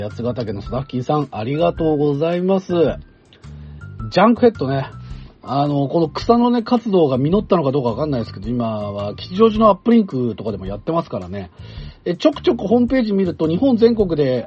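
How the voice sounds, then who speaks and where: A man hosting a radio talk show, reading listener mail aloud in a chatty manner with casual asides. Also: on the high side. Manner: chatty and animated, with asides and laughs. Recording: dull broadcast sound, faint music behind.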